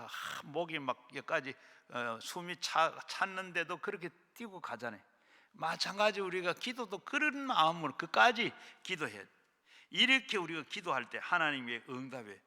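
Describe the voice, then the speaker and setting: A middle-aged male pastor preaching a fervent sermon, swinging between loud shouts and hushed low lines, at a prayer retreat hall.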